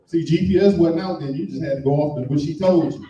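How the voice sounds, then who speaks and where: A man's voice: fairly high pitch, quick pace, crowd noise. A man doing a stand-up comedy set, telling a story and acting out the voices of the people in it. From Washington, D.C. area. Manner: storytelling, acts out voices, sings briefly. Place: live comedy show in a room. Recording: echoey room from far off.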